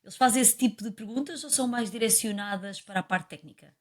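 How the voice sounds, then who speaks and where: A woman's voice: on the high side, quick pace. A woman with a European Portuguese accent, hosting a podcast and asking her guest curious questions. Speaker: podcast host. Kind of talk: podcast interview.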